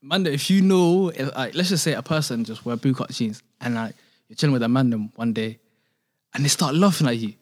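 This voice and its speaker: A man's voice: mid-range voice, a little fast. A young man with a London roadman accent chatting casually in slangy, repetitive street talk. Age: young adult. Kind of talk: casual chat.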